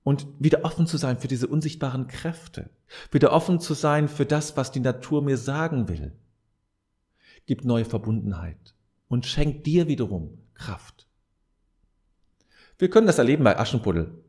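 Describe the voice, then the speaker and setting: A man's voice: medium pitch, a little mellow. A man giving a reflective advice monologue as a podcast host, speaking straight to the listener in an earnest, preacher-like way and repeating key phrases for emphasis.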